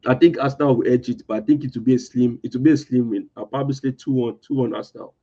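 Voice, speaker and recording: Tinny, bassless man chatting football. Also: fairly even intonation, very fast, warm tone. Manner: hesitant, lots of fillers and restarts. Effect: tinny voice with no bass. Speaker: podcast host. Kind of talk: casual football chat. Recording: thin lo-fi audio lacking bass.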